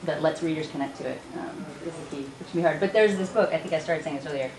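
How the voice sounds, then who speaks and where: Fast-talking low-voiced woman on a panel. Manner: fast, chatty, laughs often. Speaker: author on a panel. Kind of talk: conference panel discussion. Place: conference room with audience. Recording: echoey conference room with noise.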